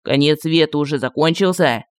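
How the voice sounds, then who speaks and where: A male narrator voicing a small, timid, excitable creature in an audiobook. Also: moderate pace, clean tone, no room sound, clean studio sound, natural voice. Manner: timid, then squeaky and giggling.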